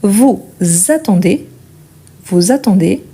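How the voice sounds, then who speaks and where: A woman teaching verb conjugation, repeating each form slowly and clearly and checking in with short questions. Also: medium pitch, expressive, dark tone. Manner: checks in with "ok?" and "bien". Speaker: French teacher. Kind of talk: explaining conjugation.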